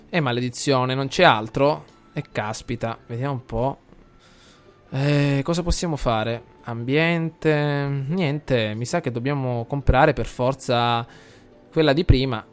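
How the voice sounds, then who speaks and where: A man with an Italian accent commentating a life simulation game for his viewers, chatty, talking to the audience and getting loud and excited during the action. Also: mid-range voice. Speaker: gameplay commentator. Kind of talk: let's play commentary.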